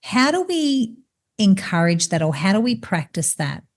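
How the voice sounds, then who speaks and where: A woman's voice: mid-range voice, sing-song, normal speed. A woman hosting a podcast, asking long, meandering questions in a casual chat. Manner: asks long, rambling questions. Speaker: podcast host.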